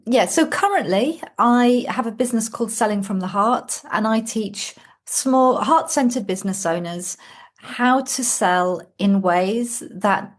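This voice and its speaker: A woman's voice: a little high, measured pace. A woman from Wales, a sales coach, telling her story as a guest on a video call in a reflective way. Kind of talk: casual interview on a call.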